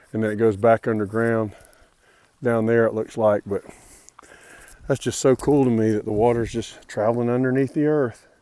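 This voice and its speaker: A man's voice: medium pitch, darkish tone, no room sound. A man vlogging casually outdoors on a mountain trail, friendly and rambling, with many fillers and restarts. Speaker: hiker vlogging his trail days.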